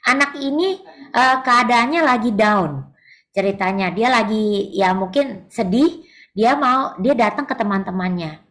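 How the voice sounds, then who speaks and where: A woman's voice: a little high, expressive, a little slow, fairly bright tone. A woman giving an earnest sermon-style church talk, telling stories and acting out the young people she quotes. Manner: earnest, addresses audience directly. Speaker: church speaker.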